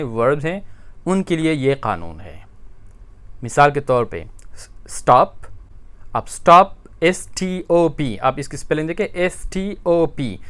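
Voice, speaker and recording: A man, an Urdu speaker, teaching grammar in a patient lesson, repeating points and pausing with many "uh"s. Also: fairly high pitch, clean tone. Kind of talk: explanatory lesson.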